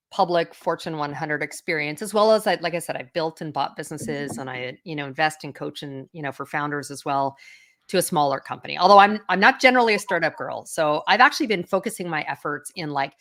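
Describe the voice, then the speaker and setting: A middle-aged woman executive, a guest in a conversational interview, speaks in a low voice with lively intonation, fairly quickly and with a slightly bright tone. She's candid and self-assured, using lots of filler words.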